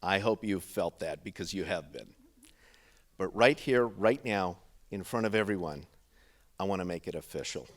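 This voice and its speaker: A middle-aged man giving a heartfelt father of the bride speech to wedding guests, in deliberate, paused phrases. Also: sits low.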